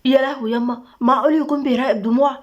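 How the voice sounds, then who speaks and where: A woman's voice: high voice, steady tone, very fast, muffled recording, close to an everyday voice. A woman reading the part of a teasing, sarcastic young Egyptian woman in a spoken story, with an Egyptian accent. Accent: Egyptian Arabic.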